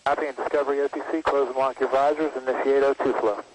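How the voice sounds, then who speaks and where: A man's voice: mid-range voice, little pitch movement, quick pace. A man giving clipped procedural callouts over a crackly, breaking-up radio transmission. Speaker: launch control team member. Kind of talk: launch radio loop calls. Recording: distant, hissy radio channel.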